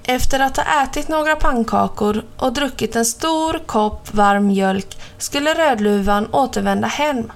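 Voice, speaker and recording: Woman reading a children's fairy tale. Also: fairly high pitch. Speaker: narrator. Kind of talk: reading a children's storybook aloud.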